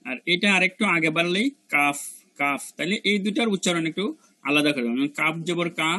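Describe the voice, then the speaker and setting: A man. He repeats each letter sound again and again, drawing it out slowly so learners can follow. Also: fairly high pitch, sharp tone. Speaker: Quran pronunciation teacher. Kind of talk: spoken lesson on letter pronunciation.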